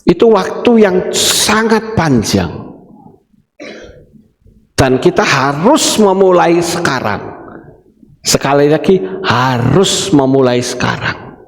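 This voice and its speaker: A man's voice: on the high side, lively intonation, slow pace, vocal fry, long pauses. A man preaching a sermon as pastor, addressing the congregation directly. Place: church hall. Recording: echoey church hall with long reverb.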